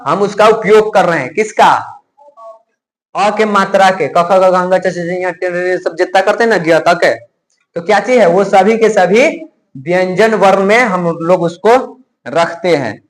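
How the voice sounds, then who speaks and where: A male teacher giving a grammar lesson to a class, drilling sounds slowly and often asking the students if they have understood. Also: high voice, low-quality recording. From India. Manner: asks students frequent check questions.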